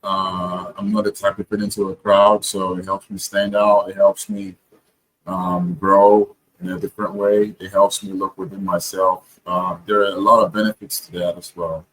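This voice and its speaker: A man's voice: deep voice, little pitch movement, normal speed, a bit bright, poor audio. A man talking casually to camera, earnest and reflective, with frequent hesitations and restarts. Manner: hesitant, many ums and restarts. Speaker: vlogger.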